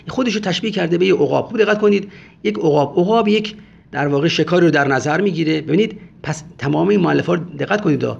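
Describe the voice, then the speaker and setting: A man's voice: on the high side, vocal fry, breathy edge. A man giving a religious history lecture, speaking emphatically and often urging listeners to pay close attention. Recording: dull lo-fi recording.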